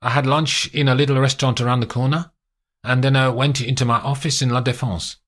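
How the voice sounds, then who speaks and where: A man voicing a calm, composed wealthy man answering police questions. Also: mid-range voice, brisk, pitched above the performer's own voice, lightly acted.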